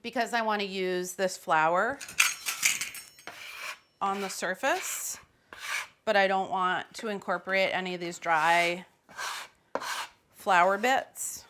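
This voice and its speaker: A woman walks viewers through a recipe in a relaxed, joking way, her voice sitting at an ordinary middle pitch. She talks in a loose, offhand manner full of casual asides. It sounds like an everyday home kitchen. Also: slow, long pauses, background noise. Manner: chatty and playful, with loose fillers. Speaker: cooking host. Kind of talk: casual cooking demonstration.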